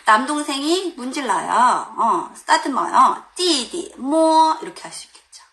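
Woman language teacher, live online class, animated pitch, bright clear tone, laughs often and drills sounds out loud. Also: normal speed. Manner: lively, demonstrates sounds loudly with exaggerated tones; laughs often, talks directly to viewers. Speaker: Chinese teacher. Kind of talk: live online pronunciation lesson.

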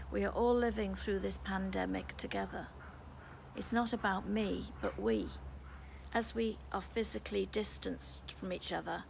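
Gravelly-voiced British woman priest. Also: medium pitch, a little hiss or hum, rough recording. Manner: calm, measured, reflective delivery. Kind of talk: sermon read from notes. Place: garden outdoors. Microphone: phone camera held close.

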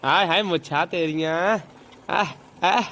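A man's voice: a little high, unhurried, sharp tone. A man with a Punjabi accent giving casual, exclamatory running commentary for his vlog. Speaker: vlogger.

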